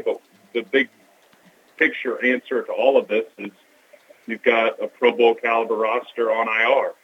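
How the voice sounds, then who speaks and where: A man giving sports analysis as an interview guest, calling in by phone from a train. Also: medium pitch. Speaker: sports TV sideline reporter and guest. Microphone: phone call from a moving train. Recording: dull, noisy phone line from a train.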